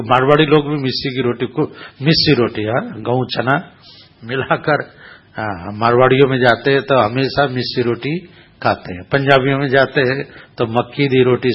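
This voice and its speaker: A man's voice: mid-range voice, slightly rough. A man preaching a sermon, folksy and chatty, telling a story and mimicking how others speak for laughs. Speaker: religious storyteller. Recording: muffled lo-fi recording.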